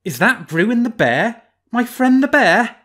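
A man doing a sly, high-voiced fox. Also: very animated, unhurried, bright, forceful tone, full character voice. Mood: gleeful. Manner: ingratiating and cheery. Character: sly, smooth-talking male fox, falsely humble.

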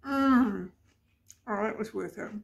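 Talking unhurriedly in a gravelly, medium-pitched voice, a woman films a chatty, meandering vlog in her home garden during hot weather, laughing as she goes.

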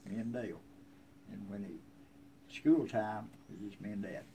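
An interviewee in his seventies recalls family history out on a covered wooden porch, speaking in a folksy, plainspoken rural American way. He talks unhurriedly in a fairly low, steady, mellow voice. Outdoor ambient noise surrounds the handheld phone recording him from a few feet away.

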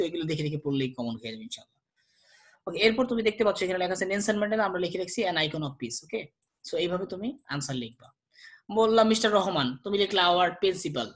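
A young man from Bangladesh teaching an exam-prep grammar lesson, slowing down whenever he reads an example aloud. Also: a little high, a bit bright. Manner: brisk, slows down to read examples aloud. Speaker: English tutor.

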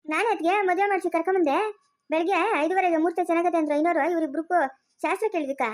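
A performer voices a scheming younger brother in a homemade village drama. He sounds smug and unrepentant, and his voice is very high for a man. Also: steady tone, fast. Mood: defiant.

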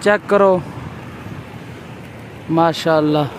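Here the man's voice is fairly high-pitched and fairly even in intonation, and he talks extremely slowly. A vlogger with a Pakistani Punjabi accent, he films himself walking outdoors along a city roadside with a handheld phone camera, tossing out casual, exclaiming remarks and recurring catchphrases. Street noise and traffic fill the very noisy clip.

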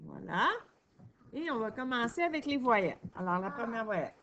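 A woman's voice: a little high, sing-song, a bit bright, muffled recording, a little hiss or hum. Encouraging Québécois woman teacher. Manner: encouraging, sounds words out slowly. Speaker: primary school teacher. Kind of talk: reading lesson for children.

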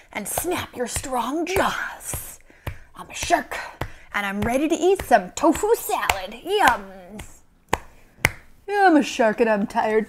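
A woman teaching yoga to young children, playful and silly, with sudden high exclamations. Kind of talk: guided kids' yoga lesson.

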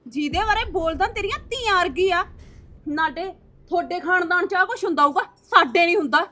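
A woman playing a sharp-tongued, proud young wife who talks in a scolding, indignant way. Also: very high-pitched, expressive, fairly quick, heavily acted. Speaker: daughter-in-law.

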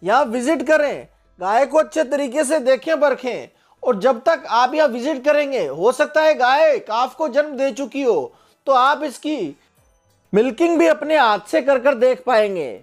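Man, high voice, livestock sale voice-over, steady promotional delivery, faint music underneath. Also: unhurried. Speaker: host of a livestock sale channel. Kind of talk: scripted voice-over presenting a cow for sale.

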